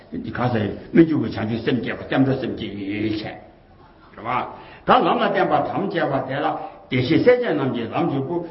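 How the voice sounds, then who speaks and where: Rambling man in a roomy, dull recording. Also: medium pitch. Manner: rambling and repetitive, often circling back to the same phrases; colloquial, with frequent fillers and rhetorical questions. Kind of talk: casual rambling talk.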